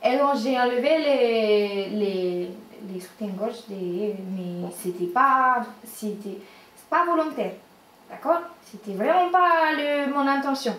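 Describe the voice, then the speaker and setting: A woman's voice: fairly high pitch, animated, slow pace, fairly bright tone. A woman putting on a flustered Spanish housemaid. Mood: flustered apologetic. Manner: stammering, apologetic, mixes in Spanish. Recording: roomy echo, far from the mic.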